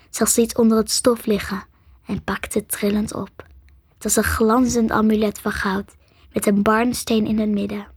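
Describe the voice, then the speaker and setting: Softly whispering storybook narrator, a woman. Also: fairly high pitch, husky, dry recording, studio quality. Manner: soft, half-whispered narration. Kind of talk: storybook reading.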